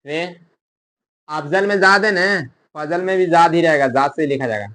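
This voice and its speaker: A man's voice: on the high side, moderate pace, a bit bright. A man teaching an online language lesson, spelling words out letter by letter and quizzing the viewer before answering his own questions. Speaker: Urdu teacher.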